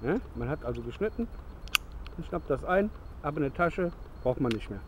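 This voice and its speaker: A man in his thirties rambles cheerfully through a gear demo in the woods as dusk falls, correcting himself along the way. His voice sits somewhat high. He is close to a handheld camera, with faint outdoor noise behind him. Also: animated, normal speed. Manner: chatty, rambling, self-correcting. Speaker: bushcraft vlogger.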